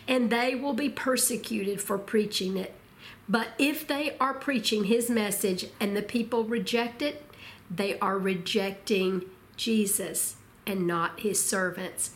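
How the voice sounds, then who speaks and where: A woman delivering a sermon at a middle pitch. She teaches with expression and slows down on key words to stress them. She often turns to her listeners with rhetorical questions. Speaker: Bible teacher.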